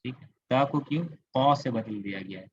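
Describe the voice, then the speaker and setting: An Arabic grammar teacher with a Kolkata Indian accent gives an online class lecture through a computer mic on a video call, explaining step by step, repeating key words and pausing to quiz students. His mid-range voice is darkish at a moderate pace, and the audio is slightly dull and lo-fi with a little hiss or hum.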